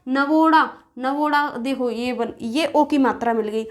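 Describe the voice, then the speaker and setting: Woman teacher with a high voice, explaining grammar step by step and answering her own questions. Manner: asks questions then answers them herself; slows down to spell out sounds and examples. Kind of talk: Hindi grammar lesson at a board.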